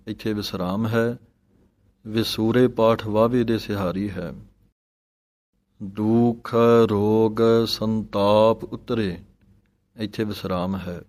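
A man gives a recitation lesson. He chants verses slowly and then adds quick spoken notes on pronunciation and pauses. His voice sits low and stays in a narrow, even pitch range. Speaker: teacher of scripture recitation.

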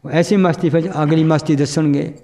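Man slowly explaining and chanting scripture. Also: on the high side, fairly even intonation, warm tone. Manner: explains patiently, corrects pronunciation, chants verses slowly. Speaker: scripture teacher. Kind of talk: religious teaching and pronunciation drill.

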